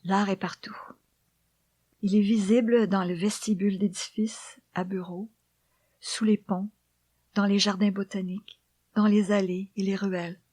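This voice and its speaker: A woman reads her own memoir and poetry in a hushed library whisper. Her delivery is slow and measured, with each phrase set down deliberately. The sound is dry and close, free of room echo, and her pitch sits in an average female range. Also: little pitch movement. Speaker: author reading her own book. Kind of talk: soft whispered reading of memoir and poems.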